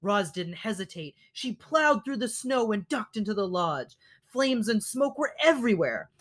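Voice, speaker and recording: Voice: mid-range voice, big pitch swings, moderate pace. A reader reading a children's novel aloud, now and then stopping to correct slips.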